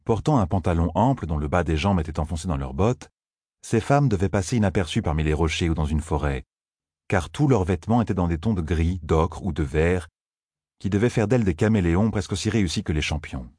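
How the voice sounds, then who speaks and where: Deep raspy guy reading an audiobook, steady pace, super dry sound. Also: a little fast, no room sound. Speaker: narrator. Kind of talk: audiobook narration.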